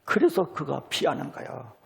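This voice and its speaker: A male pastor preaching a sermon, telling stories dramatically and acting out the voices he quotes, with sudden swings between loud and soft. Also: fairly high pitch, wildly swooping pitch, moderate pace, vocal fry. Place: church sanctuary. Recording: long hall reverb.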